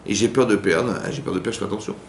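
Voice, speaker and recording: A man speaking rapid-fire in a fairly low voice leads an informal class for women as a rabbi. He's conversational, often repeating and restarting, and he acts out quoted spouses. The community hall sounds echoey, with a faint hum underneath.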